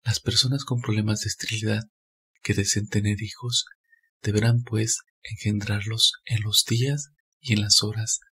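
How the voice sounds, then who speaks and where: A man calmly reading a scripted spiritual narration in a measured, steady way. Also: lowish voice, husky.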